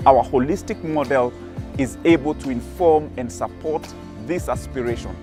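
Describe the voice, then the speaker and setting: A man's voice: medium pitch, moderate pace. A man, the executive director of a charity, speaking earnestly and with emphasis in a documentary interview. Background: music.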